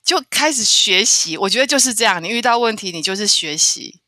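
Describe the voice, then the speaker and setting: A woman from Taiwan, telling a travel story as a podcast guest in an animated way, often stammering and repeating words. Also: mid-range voice, a little fast, no room sound, studio quality. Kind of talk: casual storytelling interview.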